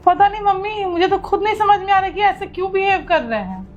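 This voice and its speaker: A woman's voice: extremely high pitch, a little fast, highs cut off, soft background music. A woman playing a defiant young wife. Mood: upset defiant. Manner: pleading, then firm and defiant. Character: young wife, loyal daughter defending her mother. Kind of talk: amateur family drama skit.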